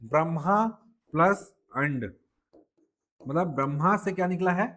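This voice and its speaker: Brief: man with a Chhattisgarhi-tinged Hindi accent, classroom teacher, a touch high-pitched, keeps asking the class to confirm and spells words syllable by syllable. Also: a bit bright. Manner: drills students with frequent "ठीक है" checks; spells words slowly sound by sound. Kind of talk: live classroom lesson.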